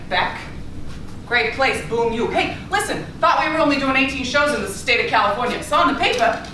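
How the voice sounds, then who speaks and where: A woman's voice: fairly high pitch, sharp tone. A woman playing a boastful, vain male escape artist, speechifying in a grandiose, self-important way in a stage monologue. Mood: indignant. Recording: echoey distant stage recording, noisy.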